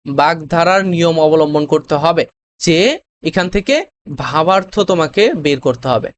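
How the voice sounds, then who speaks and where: A tutor giving a recorded lesson, explaining step by step with many pauses, fillers and quick self-corrections, often checking that the students follow. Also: medium pitch. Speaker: admission test tutor.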